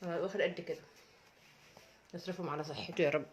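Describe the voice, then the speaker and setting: A woman's voice: on the low side, fairly even intonation, quick pace, echoey room, highs cut off, slight background noise. A woman with an Egyptian Arabic accent hosting a casual live stream, in pain from a toothache, moaning and complaining wearily. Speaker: livestream host.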